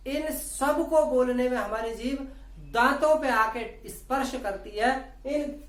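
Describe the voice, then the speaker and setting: A woman teaching grammar at a slow, deliberate pace, sounding out each letter in turn as she explains it. Her voice sits a little high and rings in an echoey room. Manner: slow, deliberate, demonstrates sounds aloud one by one. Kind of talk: exam-prep grammar lesson.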